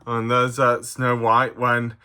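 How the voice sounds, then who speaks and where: His voice is smooth and mid-range as he presents an informal toy review to the camera. The tone is bouncy and childlike, like kids' TV, but he stumbles and pauses often.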